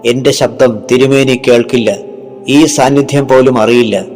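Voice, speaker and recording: Guy voicing a seductive vengeful yakshi spirit lady, hushed and commanding, faint music under it. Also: mid-range voice, fairly even intonation, a little slow, close to an everyday voice. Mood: urgent. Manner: urgent, commanding hushed speech.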